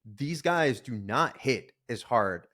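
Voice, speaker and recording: A man's voice: mid-range voice, expressive, takes it slowly, pushed and bright. A man co-hosting a sports betting podcast, talking bluntly and swearing casually. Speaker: podcast co-host.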